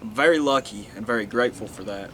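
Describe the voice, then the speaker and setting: Fast and fairly bright in tone, with a lowish pitch, a man from Northeast Tennessee, USA, vlogs a casual monologue to camera. His earnest talk wanders, restarting and trailing away. Slight background noise can be heard.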